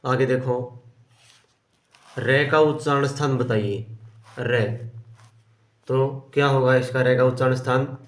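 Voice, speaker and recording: A man's voice: medium pitch, fairly even intonation, takes it slowly, pauses often, roomy sound. A man teaching Hindi grammar, going through quiz questions and patiently repeating each answer. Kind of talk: explaining quiz questions on pronunciation.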